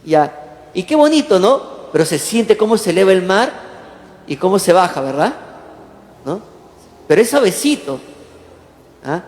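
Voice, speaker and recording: A man preaching a lively sermon as pastor, often asking the congregation questions and acting out the quotes he tells. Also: high-pitched, measured pace, pauses often. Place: church hall. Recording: echoey church hall, long reverb.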